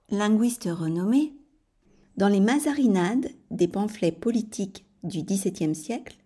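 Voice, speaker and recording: A woman presenting a scripted French-language podcast lesson, explaining clearly and spelling out examples letter by letter. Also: medium pitch, mellow.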